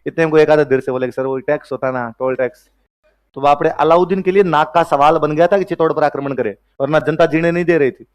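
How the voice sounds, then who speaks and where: A man's voice: on the high side, fast, hardly any pauses. A man teaching a history class, asking and answering his own questions and joking with students.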